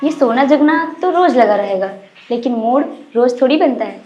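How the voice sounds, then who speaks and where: A woman's voice: on the high side, expressive, moderate pace, reverberant, lo-fi sound, soft background music, natural voice. A woman playing a lonely young wife who pleads for her husband's attention. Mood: pleading. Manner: pleading, sulky.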